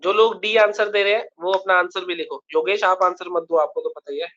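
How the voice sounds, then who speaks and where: A man's voice: high voice, fairly even intonation, brisk, sharp tone, lo-fi sound. A male math teacher giving a live online lecture, explaining a problem step by step and often checking that students follow.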